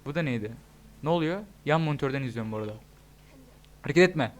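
A young man giving excitable, joking let's-play commentary, shouting at the game. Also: mid-range voice, quick pace, slight background noise. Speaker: gaming YouTuber.

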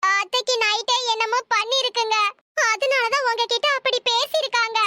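A woman plays a sly young cartoon wife with a very high, piercing voice and a bright, sharp edge. She wails and whines in an over-the-top, dramatic way. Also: fairly even intonation, moderate pace, a little hiss or hum. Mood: whiny. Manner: whiny, dramatic wailing. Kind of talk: comic cartoon dub.

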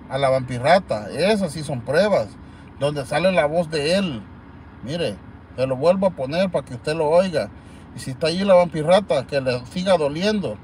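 A man hosts a live stream, talking slowly and deliberately. His voice sits fairly high, and his delivery is blunt and scornful. Faint noise hums under his words. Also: darkish tone. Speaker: livestream host. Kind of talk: casual live-stream talk.

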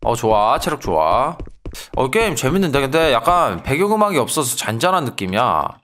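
A young man giving excitable let's-play commentary, yelling at enemies and joking with viewers. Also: mid-range voice, fairly quick. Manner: excitable, yells and trash-talks the game. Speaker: gaming YouTuber.

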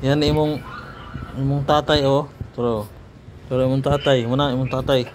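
A man, talking slowly and coaxingly in sing-song baby talk to his pet dogs. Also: medium pitch, level tone, noisy background. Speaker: vlogger. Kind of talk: casual chat to pet dogs.

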